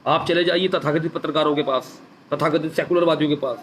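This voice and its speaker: A man's voice: a little high, steady tone, fast talker, a little hiss or hum. A man giving an impassioned address on a live stream, repeating his points and asking rhetorical questions. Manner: fervent, repetitive, rhetorical questions. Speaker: activist speaking on a Facebook live stream. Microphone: phone or webcam for a live stream.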